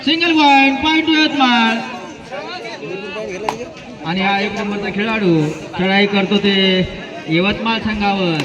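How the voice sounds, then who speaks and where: A man announcing a kabaddi match live through an outdoor loudspeaker, calling out the scores in a raised sing-song. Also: sits high, a little slow, long pauses, muffled recording. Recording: crowd noise at outdoor ground.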